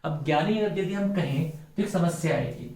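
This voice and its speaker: A man teaching a Sanskrit pronunciation lesson, slowly and deliberately modelling each sound and repeating words for his students. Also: fairly high pitch, animated, creaky, darkish tone, a little hiss or hum. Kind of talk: classroom lecture on pronunciation. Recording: echoey room.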